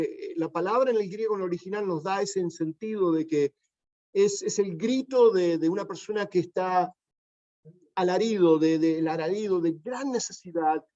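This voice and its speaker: Bright-voiced Spanish-speaking preacher, lo-fi. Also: male voice, high voice. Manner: teaching tone with many fillers and restarts, asks the congregation questions. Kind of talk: sermon.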